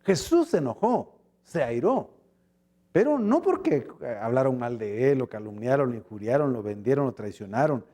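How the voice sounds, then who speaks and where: A man's voice: mid-range voice, moderate pace. A man with a Guatemalan accent preaching a sermon as pastor, acting out short dialogues as he goes. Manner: animated preaching, acts out little dialogues.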